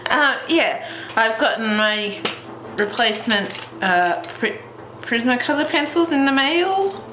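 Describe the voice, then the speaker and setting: Slightly high with lively intonation, this young Australian colouring channel host speaks slowly through a congested, stuffy voice, rambling with many fillers and restarts during a casual tutorial. She sits at home in front of a heater, and the room is echoey with background noise.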